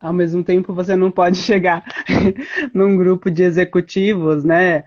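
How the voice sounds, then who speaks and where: A woman's voice: on the low side, a little slow. Woman guest on a slightly muffled line. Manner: relaxed, explanatory, many "né" fillers, laughs easily. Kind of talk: casual interview chat.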